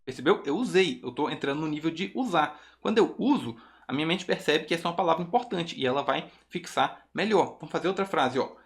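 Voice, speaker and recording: Man, Brazilian Portuguese accent, English teacher, online lesson, patient explaining, slow example sentences. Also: a little high, expressive, creaky.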